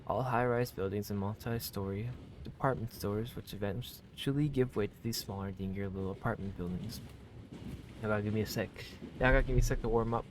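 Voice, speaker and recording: Brisk and lowish in voice, this game streamer reads a visual novel aloud for a let's play amid background noise. His commentary is casual and slangy, effusive and laced with swearing.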